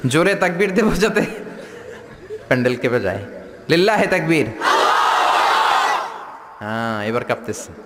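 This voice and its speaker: A man's voice: medium pitch, sing-song, brisk, long pauses, in a large hall, a loud crowd, heavy background noise. A man from Bangladesh preaching a playful sermon to a large tent gathering, mimicking regional dialects and leading chants. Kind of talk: Islamic sermon to a crowd.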